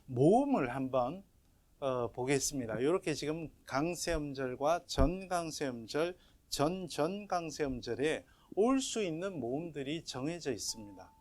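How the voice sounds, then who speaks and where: A middle-aged male professor lecturing online with a lively, swinging delivery. His voice sits a bit high for a man, and he walks students through each point patiently, stopping to check they follow. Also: unhurried. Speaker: professor teaching Biblical Hebrew.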